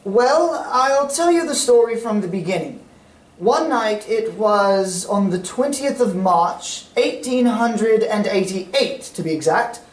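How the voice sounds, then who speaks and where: A man playing a genial older gentleman doctor, courteous and avuncular as he tells stories in an old-time radio drama. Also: sits high. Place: stage reader's theatre performance. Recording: echoey stage, distant mic, background noise.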